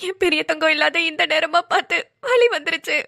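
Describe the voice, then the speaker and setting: A woman's voice: extremely high pitch, a little fast, creaky, pushed and bright, heavily acted. A woman voicing an elderly mother in a cartoon who prays anxiously and pleads aloud. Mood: anxious prayer. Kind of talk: cartoon voice acting.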